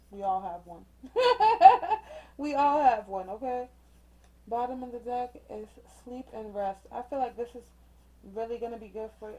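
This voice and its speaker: A woman's voice: medium pitch, dark tone, poor audio. A woman doing a casual oracle card reading, chatty and encouraging, speaking straight to her viewers with slang and frequent "okay?" check-ins. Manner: chatty and encouraging, uses slang and mild cussing substitutes. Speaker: tarot reader. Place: indoors with a ring light.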